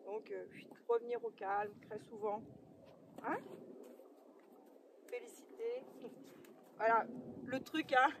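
A woman training a horse outdoors, giving short coaxing commands and soothing it, often in a hushed voice, picked up by a camera at a distance. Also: on the high side, slow, long pauses, noisy background. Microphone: camera mic at a distance.

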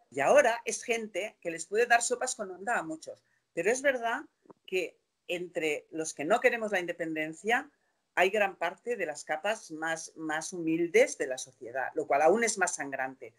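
An older woman in her sixties, a guest on a video call interview, speaking in a passionate, indignant way full of rhetorical questions. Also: fairly low pitch. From Spain. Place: room at home.

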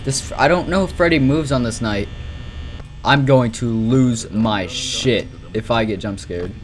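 In a mid-range, unhurried voice, this young man streams a horror game, the low-quality recording carrying slight background noise. His live commentary is casual and rambling, nervous and full of exclamations, with occasional swearing.

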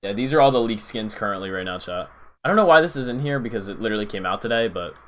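A man's voice: fairly low pitch, expressive, quick pace, a bit bright. A young man casually live-streaming a game, rambling to his chat with lots of fillers, calling out viewers' names and saying "bro".

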